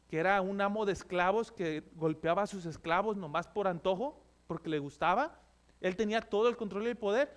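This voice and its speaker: A pastor preaches a sermon in a high, light male voice. He explains word meanings and calls his listeners brothers. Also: clear, resonant tone.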